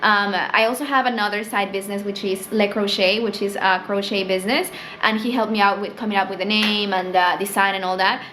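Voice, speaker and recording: Brisk and with few pauses, this young Peruvian small business owner vlogs from a small indoor room with a shelf of tea stock, in a mid-range, slightly bright voice with fairly even intonation. A native Spanish speaker with a Peruvian Spanish accent, she chats casually, peppers her speech with "like" and "um," and rises for quoted thoughts. There's slight background noise.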